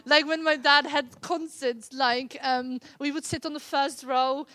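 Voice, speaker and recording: A Dutch woman in her thirties from the Netherlands earnestly shares her faith testimony in casual conversation, with frequent fillers and restarts. Her high-pitched voice is bright and forceful yet steady and unhurried, with no echo.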